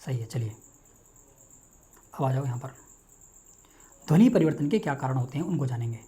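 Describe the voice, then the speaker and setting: A man teaching linguistics in a quick, repetitive lecture style, asking and answering his own questions. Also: medium pitch, lively intonation, mellow. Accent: Hindi. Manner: rapid, repetitive, quizzes himself aloud. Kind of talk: online exam-prep lecture.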